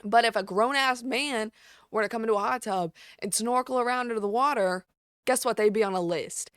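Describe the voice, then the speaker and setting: A woman's voice: fairly high pitch, brisk, smooth, dry recording, studio quality. A woman hosting her own show, telling stories in a casual, blunt, profane way. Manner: blunt, profane, animated storytelling. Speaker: podcast host. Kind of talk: casual storytelling monologue.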